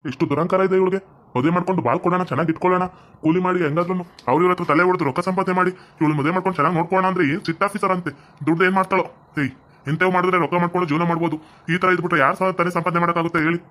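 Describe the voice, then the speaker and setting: A man's voice: high voice, fairly even intonation, racing, fairly bright tone. A man playing a police officer in an amateur family drama, speaking with arrogance and contempt.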